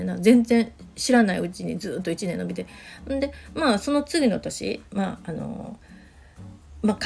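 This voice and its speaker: A woman's voice: medium pitch, creaky, darkish tone, slightly rough. A middle-aged woman, a counselor talking in a casual podcast monologue that rambles along with plenty of fillers. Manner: rambling, full of fillers, chatty asides.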